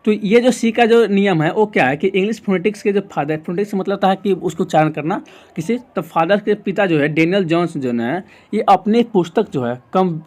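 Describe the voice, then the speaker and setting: Indian man teaching in a high voice. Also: a little mellow. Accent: Indian English. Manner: asks the class questions and answers them himself, repeats rules. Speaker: English pronunciation teacher. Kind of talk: explaining lesson in Hindi.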